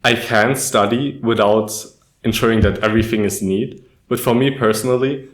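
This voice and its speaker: A young man from Germany with a lowish voice, co-hosting a casual podcast. He talks in a measured, earnest way. The room around him sounds echoey. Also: fairly even intonation. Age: young adult. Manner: measured, earnest, says "quite frankly" often. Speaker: podcast co-host.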